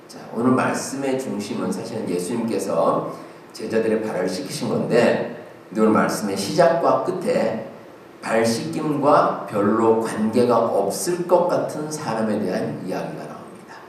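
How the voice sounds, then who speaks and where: A man's voice: medium pitch, darkish tone, slight background noise. A male pastor giving a conversational sermon with fillers and rhetorical questions. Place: church sanctuary. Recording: echoey church hall, mic at a distance.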